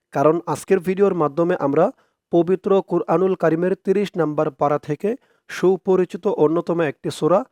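A man leads a recitation lesson in a smooth, resonant voice that sits a little high for a man. He drags the recited syllables out slowly, then drops into quicker, quieter explanation. The sound is dry and close, with no room around it. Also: no room sound. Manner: slow, drawn-out recitation alternating with quick spoken explanation. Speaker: Quran recitation teacher.

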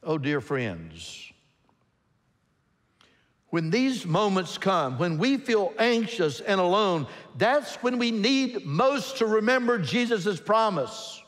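An older man, a pastor, preaching a sermon from a pulpit in a large church, expressive and emphatic. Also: sits high, slow. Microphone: pulpit microphone. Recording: long church hall reverb.

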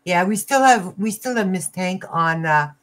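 An older woman chatting casually as a livestream host, halting and often rephrasing herself. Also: fairly low pitch, animated. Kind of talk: casual chat. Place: small cluttered room at home. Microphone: computer mic on a video call.

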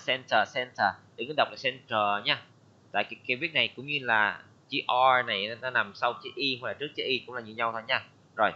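Bright-voiced man teaching an online English class. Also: medium pitch, dull audio. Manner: mixes English words with Vietnamese explanations. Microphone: computer mic on a video call.

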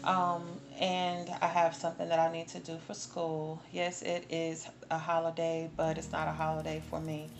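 Her voice sits low and monotone, with vocal fry, a normal pace and hardly any pauses, and background noise can be heard. The speaker is a vlogger in her forties chatting to the camera in her home kitchen, addressing viewers directly, emphatic and repeating words to stress them. A camera or phone in front of her picks up the sound.

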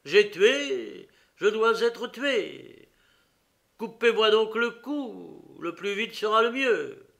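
A man's voice: sits high, expressive, slow, creaky, pitched above the performer's own voice, exaggerated voice. A man doing a raging, desperate prisoner. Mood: furious. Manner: shouting, desperate and defiant. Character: enraged male prisoner in his thirties, confessing murder.

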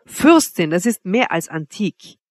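A woman's voice: on the low side, big pitch swings, a little slow, a little mellow, no room sound. A woman reading an audiobook, voicing a devoted young man who pleads earnestly with the woman he loves. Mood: aghast.

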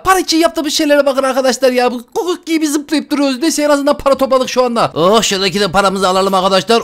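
Young man, gaming commentary, excitable, chatty, high voice, quick. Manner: excitable, chatty, slangy, talks to viewers. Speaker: gaming YouTuber. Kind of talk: casual Let's Play commentary.

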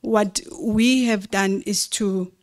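A woman giving an explanatory slide presentation at a convention, in a measured, didactic way with rhetorical questions. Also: mid-range voice, fairly even intonation.

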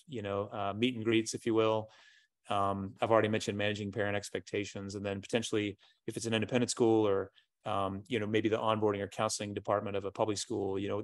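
Man on a webcam call, low flat voice, dry close sound, lots of "you know" fillers, school leader sharing ideas. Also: no room sound. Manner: rambling, lists ideas with many fillers. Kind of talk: panel discussion on a video call. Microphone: webcam on a video call.

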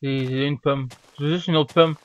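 A young man giving casual, rambling commentary while he plays, getting excited and yelling at the game now and then. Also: on the high side, normal speed. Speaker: gamer. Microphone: desk microphone. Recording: dull, dry home mic.

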